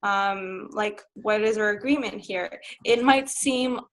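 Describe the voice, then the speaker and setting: Woman sex coach, candid interview guest, frank and lively. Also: mid-range voice, slow. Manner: frank and animated, laughs while telling stories.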